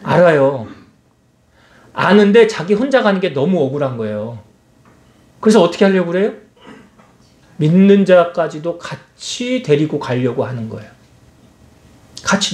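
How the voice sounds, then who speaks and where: The sermon comes from a male senior pastor whose lively, high-pitched voice swings up and down as he peppers the congregation with rhetorical questions, echoing through the church.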